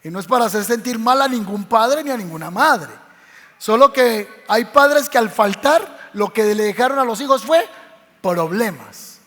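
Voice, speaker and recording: In a church hall with long reverb, a pastor with a Medellín Colombian Spanish accent tells a Bible story during a sermon, acting out its voices. His male voice is very high, fairly bright and lively in intonation, at a normal pace.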